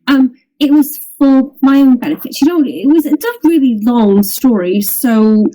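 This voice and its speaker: A young woman playing a tabletop game in character, speaking haltingly with many pauses and ums. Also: high voice, lively intonation, warm tone, rough recording. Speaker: player.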